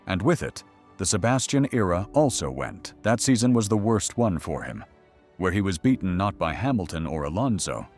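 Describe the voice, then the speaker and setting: Deep-voiced man narrating with drama. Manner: dramatic, mocking storytelling. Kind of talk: scripted documentary narration.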